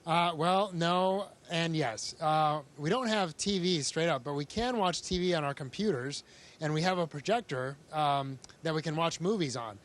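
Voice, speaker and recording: A man with a slightly high voice talks as an astronaut on a space station. He answers students casually, in plain conversational explanations. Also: normal speed. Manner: informal, conversational.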